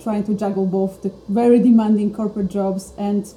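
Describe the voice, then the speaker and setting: This guest is a startup co-founder from Poland, speaking earnestly and thoughtfully in a relaxed podcast conversation. She has a warm, mid-range voice that barely moves in pitch, delivered at a moderate pace. Faint noise sits under a roomy-sounding recording.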